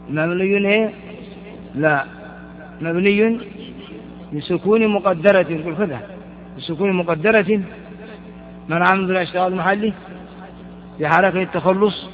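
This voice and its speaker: A man teaching a grammar lesson, explaining verses and quizzing his students with short questions. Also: high voice. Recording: dull lo-fi lecture recording.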